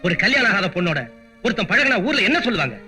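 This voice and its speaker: An actor playing a proud but poor father who speaks gravely and pleads. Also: high voice, big pitch swings, quick pace, music in the background.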